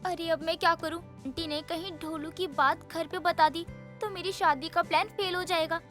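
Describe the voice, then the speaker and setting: A woman voicing a blunt, sassy young woman in an animated story, with quick retorts. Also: very high voice, over music. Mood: worried. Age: young adult.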